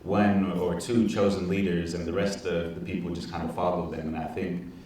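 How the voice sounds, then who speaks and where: On a big auditorium stage, this young panelist and teaching artist in his twenties talks into a handheld mic during a panel discussion. Earnest and reflective, he speaks at moderate pace in a very low, flat voice, repeating words as he thinks, and the hall echo makes him sound distant.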